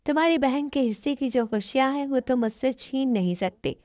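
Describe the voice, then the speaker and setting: Woman, storyteller, steady scripted narration, slightly high, dry close sound. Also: brisk, no room sound.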